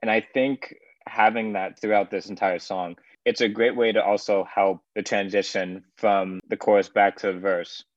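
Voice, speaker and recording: A man co-hosting a music breakdown, talking about music theory and production in relaxed, loosely phrased sentences. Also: fairly low pitch, moderate pace, no echo, lo-fi sound. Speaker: music analysis co-host. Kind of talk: casual analytical chat.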